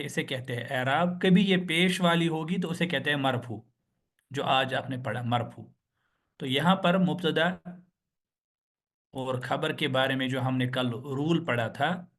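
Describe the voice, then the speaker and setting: A man's voice: medium pitch, fairly bright tone. A man teaching an online Arabic grammar lesson, patiently drilling word endings and asking the class questions he answers himself. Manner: slow, patient, repeats and drills words.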